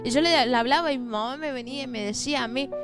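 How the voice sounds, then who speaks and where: A woman's voice: high voice, quick pace, over music. A young woman giving an earnest, fervent religious testimony, often tagging her sentences with questions and restarting them. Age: young adult. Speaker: church member giving testimony.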